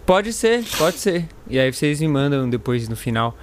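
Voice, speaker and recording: A man hosting a casual podcast, chatting and joking with his co-hosts in quick asides. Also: medium pitch, very animated, a little hiss or hum. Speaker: podcast host.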